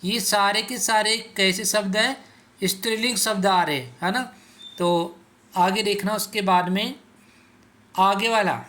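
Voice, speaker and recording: Slow, bright-voiced male teacher. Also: sits high. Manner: asks rhetorical questions and answers them himself; repeats words slowly for pupils to say along. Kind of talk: classroom explanation for school students.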